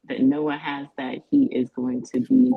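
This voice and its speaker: A woman testifying as a parent in a custody hearing over a video call, talking haltingly and restarting her sentences as she searches for words. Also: very deep voice, level tone, husky, dry recording. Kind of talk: court testimony. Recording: dull, dry video-call audio.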